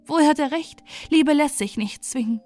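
A woman's voice: high voice, moderate pace, darkish tone, faint music behind, pitched above the performer's own voice, lightly acted. Libella, a woman voicing a passionate river nymph. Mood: impassioned. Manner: fervent, declamatory. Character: lovelorn female river nymph, proud and passionate. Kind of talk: fairy tale audiobook reading.

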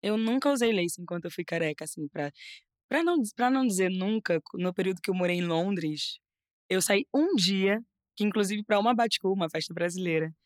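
A woman's voice: mid-range voice, a little fast, dry recording. Young carioca woman, chatty guest, lots of laughs and restarts, dry close mic. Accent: Carioca Brazilian Portuguese. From Rio de Janeiro, Brazil. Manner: lively, laughs often, restarts phrases. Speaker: guest model. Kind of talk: casual interview chat.

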